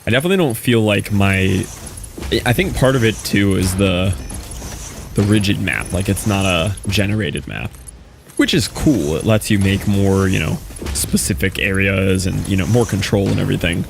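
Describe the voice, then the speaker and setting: A man's voice: deep voice, normal speed, vocal fry, background noise. A young man streaming a game, talking casually in a rambling, laid-back way with lots of fillers. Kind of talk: casual live-stream commentary while playing.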